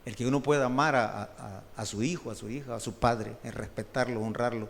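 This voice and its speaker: A middle-aged man with a Salvadoran Spanish accent, preaching a testimony sermon in an animated storytelling way, often addressing listeners as brother. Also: mid-range voice, fairly quick, gravelly, a little hiss or hum. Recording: long hall reverb.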